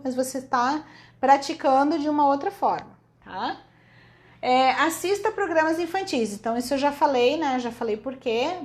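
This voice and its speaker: High-voiced Brazilian woman teaching casually. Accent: Brazilian Portuguese. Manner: chatty, ends phrases with checking "right?" tags. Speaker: English teacher. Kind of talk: informal video lesson.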